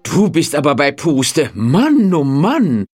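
An eager young fairy tale soldier, as a woman narrator puts him on, full of admiration and polite charm. His pitch swings about with enthusiasm. He sounds a little louder and further from the mic than the narration. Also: slow pace, slightly rough, faint music behind, exaggerated voice. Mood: admiring. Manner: lively, enthusiastic.

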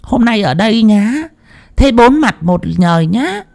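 A man's voice: high voice, sing-song, unhurried, creaky, a little mellow, long reverb tail, voice pushed up, full character voice. A man voicing a vengeful female spirit that possesses a woman, screeching threats and cackling, in a spoken ghost story. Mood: shrill menace.

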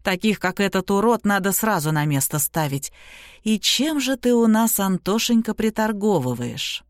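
A woman voicing a gruff male ex-convict who talks in a mocking, folksy drawl. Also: mid-range voice, expressive, normal speed, no echo, clean studio sound, close to an everyday voice. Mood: sly musing.

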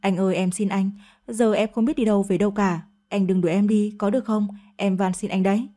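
A scheming middle-aged woman voiced by a female reader whines and begs in an audio story. The voice stays warm and mellow. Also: mid-range voice, fairly even intonation, fairly quick, close to an everyday voice. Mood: pleading.

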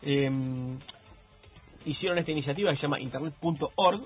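Co-hosting a radio tech show, a man with an Argentine Spanish accent chats casually and jokes, often restarting his sentences. His voice is on the high side, brisk, and a bit breathy, heard over a phone-like radio broadcast with soft background music.

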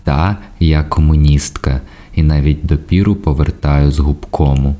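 Guy reading a tense brave young woman, clipped and firm, deep mellow tone. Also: steady tone, normal speed. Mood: defiant.

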